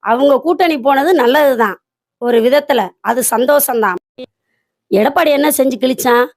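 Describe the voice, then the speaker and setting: Woman, local party organiser, high voice, dry close sound, fires off rhetorical questions. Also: no room sound. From Virudhunagar district, Tamil Nadu. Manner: scolding, rapid rhetorical questions. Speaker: local party women's wing secretary. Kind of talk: political message to party supporters.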